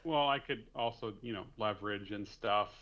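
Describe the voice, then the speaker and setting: A man's voice: on the low side, normal speed, fairly bright tone. A man playing a tabletop game, joking casually about his character's plans, heard through a dull lo-fi mic. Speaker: player.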